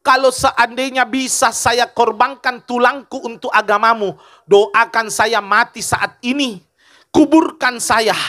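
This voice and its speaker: A man's voice: extremely high pitch, sharp tone, voice pushed up, full character voice. A man voicing a pleading, devoted wife. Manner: slow, emotional, drawn-out pleading. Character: grieving devoted wife pleading, adult woman. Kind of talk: storytelling in a sermon.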